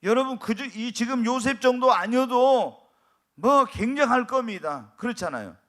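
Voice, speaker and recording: A man's voice: very high-pitched, expressive, normal speed, fairly bright tone. A middle-aged man preaching an emphatic sermon as pastor, acting out prayers and quarrels as he goes.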